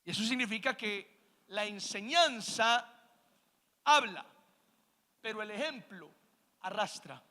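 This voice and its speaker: A man's voice: high-pitched, animated, slow, pauses often, sharp tone. A man preaching a sermon as pastor, emphatic and calling on the congregation to say amen. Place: church. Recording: reverberant church hall. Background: long church reverb.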